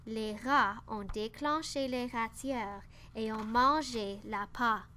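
Slow, bright-voiced woman reading a kids' story. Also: on the high side, a little hiss or hum. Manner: slow, careful, clear reading. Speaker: narrator. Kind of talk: reading a children's story aloud.

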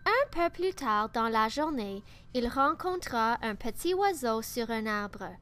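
A woman reading a children's picture book aloud in a slow, careful, expressive way. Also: fairly high pitch. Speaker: storybook reader.

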